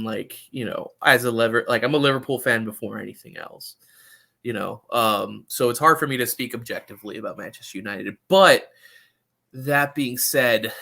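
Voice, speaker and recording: Speaking in a medium pitch with vocal fry and a sharp edge, a soccer podcast pundit chats informally, stopping and starting and repeating words as he hedges his points.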